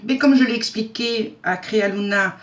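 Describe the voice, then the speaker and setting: A woman's voice: on the high side, normal speed. A woman hosts a casual craft tutorial. She chats in a homely way and talks through each step as she works, with frequent fillers and self-mocking humor. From Belgium.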